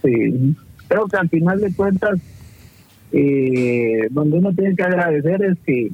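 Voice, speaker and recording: A man's voice: a little high, lively intonation, slow, breathy edge. A man with a Guatemalan Spanish accent calling in to a radio show and telling stories in easygoing slang. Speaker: phone-in caller. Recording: tinny phone line.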